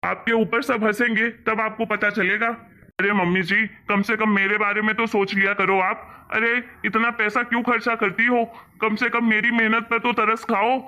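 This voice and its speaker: In Hindi cartoon story voice acting, a man voices an angry grown son who scolds and mocks his mother over money. His voice is high, pushed and bright, with flat delivery at a moderate pace, and the audio sounds dull.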